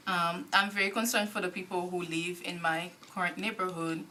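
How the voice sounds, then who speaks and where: A young woman from Haiti answering interview questions as a board nominee, measured and full of small pauses. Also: on the low side, steady tone, sharp tone, slight background noise, low-quality recording. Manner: measured, frequent ums. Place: council committee room.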